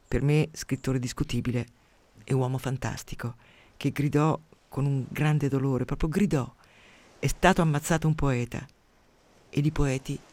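A man with a fairly high voice hosts a radio programme, reading and commenting on poetry in a theatrical way. He bursts out loudly, then sinks to near-whispers. The studio sound is dry and close. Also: dry recording. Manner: impassioned, theatrical reading with sudden loud outbursts and hushed drops. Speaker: radio host.

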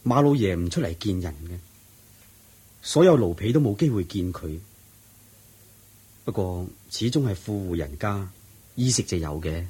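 Ananda, an earnest, devoted disciple. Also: male voice, deep voice, animated, moderate pace, pauses often, warm tone, breathy edge, full character voice. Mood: earnest, respectful. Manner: earnest, respectful, explaining at length. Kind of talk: 1980s-style radio drama acting.

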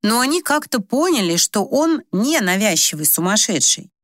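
Telling the story at a measured, expressive pace, a woman narrates an audiobook in a medium-pitched voice. The sound is dry and studio-clean.

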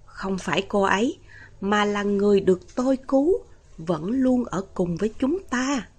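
A woman voicing a calm, knowing young male exorcist in a storybook reading, explaining patiently. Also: medium pitch, moderate pace, breathy edge.

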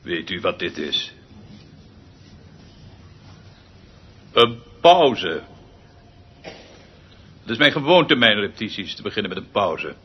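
In a radio drama, an actor plays a pompous, eccentric male orchestra conductor, grandly self-important, theatrical and pedantic, speaking deliberately with pregnant pauses. His voice is fairly low, husky and sing-song, the performance heavily acted, and the recording muffled.

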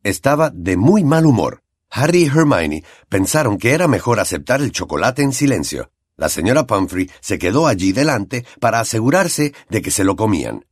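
A man narrating an audiobook in an expressive storytelling manner. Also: lowish voice, normal speed, breathy edge, no echo, studio quality. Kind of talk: scripted narration.

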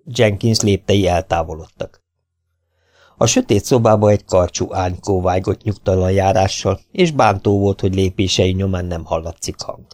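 A man narrating an audiobook in a steady, even storytelling manner. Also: low-pitched.

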